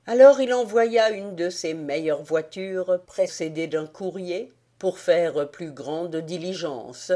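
A woman reading a classic tale aloud as an audiobook, in slow, measured storytelling. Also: lowish voice, mellow. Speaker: audiobook reader. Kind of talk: scripted narration.

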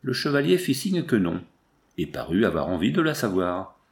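A man reading a classic novel aloud as an audiobook narrator, in measured, even storytelling. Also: fairly low pitch, vocal fry, roomy sound. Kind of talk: scripted narration.

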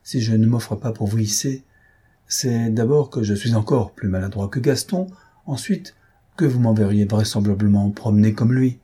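A man voicing a wry, gossiping society gentleman with mocking, half-joking asides in a read-aloud novel. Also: lowish voice, normal speed, slightly rough.

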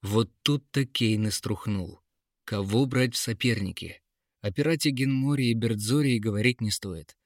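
A man narrating a fairy tale audiobook with expressive storytelling. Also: on the low side, moderate pace, no echo, clean studio sound.

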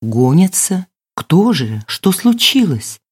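Older male glassmaker, voiced by a woman narrator: cautious, slow, puzzled. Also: sits high, sing-song, slightly rough, full character voice.

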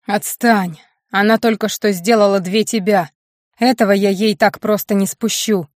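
A woman's voice: medium pitch, steady tone, moderate pace, no echo, studio quality, natural voice. A woman reading the lines of a hot-tempered young werewolf man in an audiobook, curt and growling. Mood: furious.

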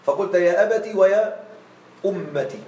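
A man with a fairly high voice teaches grammar in a classroom lesson. He stretches out each example form slowly and keeps checking that the students follow. The room sounds echoey and hollow. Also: dark tone. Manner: checks on students with frequent questions; drawn-out slow spelling of example forms.

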